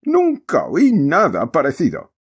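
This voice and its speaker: A man reading aloud voices an excitable society lady who gushes in breathless exclamations. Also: fairly high pitch, extremely slow, husky, voice pushed up, exaggerated voice. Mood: gushing. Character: excitable gossiping society lady, gushing and shrill.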